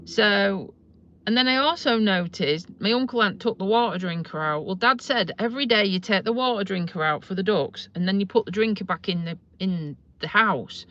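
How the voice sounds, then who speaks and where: A woman from Lincolnshire, her accent carrying a slight Yorkshire edge, sits in a parked car and chats loosely to her live-stream viewers, putting herself down with good humor. Her mid-range voice moves at normal speed with a fairly bright tone, and the recording is muffled.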